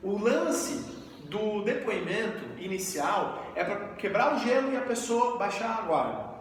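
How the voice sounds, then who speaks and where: A man in his thirties from Brazil, giving a lively live training talk and asking the audience questions. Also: high voice, measured pace. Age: 30s. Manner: energetic, asks the audience questions. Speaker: network marketing trainer. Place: event room with audience. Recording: echoey hall, mic far off, faint hiss.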